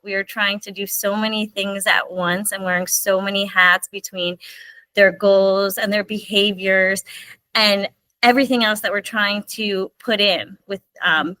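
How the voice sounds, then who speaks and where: A woman's voice: mid-range voice, bright, forceful tone, no echo, low-quality recording. A woman who teaches special education, talking as an enthusiastic guest in a conversational interview. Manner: earnest, enthusiastic.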